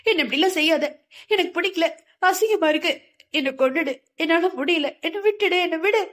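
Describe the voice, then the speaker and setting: A woman's voice: very high voice, brisk, fairly bright tone, pitched above the performer's own voice. Woman playing a sobbing young woman in a nightmare. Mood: terrified pleading. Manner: pleading, sobbing, frantic.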